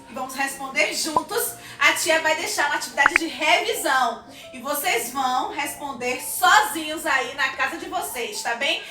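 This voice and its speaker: A Brazilian woman with a high, bright voice teaches a children's video lesson, upbeat and drawing out syllables to show which one is stressed. She sounds a little distant from the mic in an echoey room, with music playing underneath. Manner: upbeat, drawn-out syllables when sounding out words. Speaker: primary school teacher.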